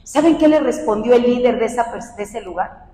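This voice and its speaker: A woman preaching a sermon, animated and raising her voice to a shout for emphasis. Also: fairly high pitch, a little fast. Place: church hall. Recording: echoey church hall.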